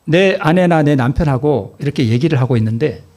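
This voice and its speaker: A man's voice: fairly high pitch, lively intonation, a little fast, a little mellow. A man preaching a sermon as a pastor, asking the congregation questions and answering them himself, repeating points for emphasis.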